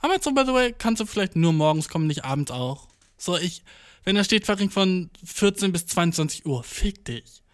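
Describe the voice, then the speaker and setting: A young man with a slightly higher voice than most men tells a rambling everyday story. His talk is loose and slangy, full of swearing and English words dropped into his sentences. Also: lively intonation, moderate pace. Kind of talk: casual storytelling monologue.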